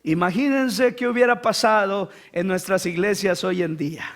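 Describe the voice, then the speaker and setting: A male pastor delivering a sermon, building to fervent shouts and asking the congregation rhetorical questions. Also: high voice, moderate pace.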